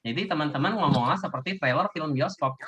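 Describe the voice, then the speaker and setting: A man giving a casual sales coaching talk, lively, acting out sales pitches to his audience. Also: fast. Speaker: business presenter. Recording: dull lo-fi recording.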